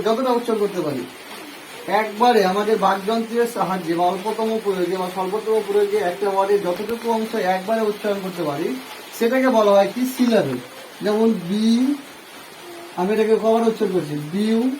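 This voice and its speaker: A man's voice: sits high, darkish tone, slight background noise, low-quality recording. A man with a Bengali accent teaching an English grammar lesson, explaining step by step and asking and answering his own questions.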